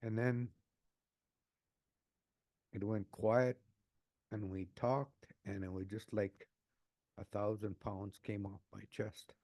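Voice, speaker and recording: Man, 60s, personal testimony, emotional, halting restarts, mellow low voice, dry close sound. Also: little pitch movement, dry recording. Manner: halting, repeats words and restarts phrases; emotional, earnest. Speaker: interviewee sharing his life story.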